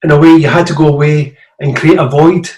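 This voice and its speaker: Over a video call, a Scottish man with a Glaswegian accent puts a question to the speakers as an audience member, hesitating and using many fillers in casual chat. He talks briskly in a slightly high, fairly even, somewhat mellow voice, captured in a rough, reverberant recording.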